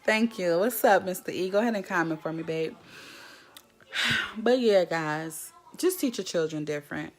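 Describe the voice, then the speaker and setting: A woman's voice: fairly low pitch, normal speed. A woman from Jackson, Mississippi, chatting casually on a livestream and greeting viewers by name. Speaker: livestream host.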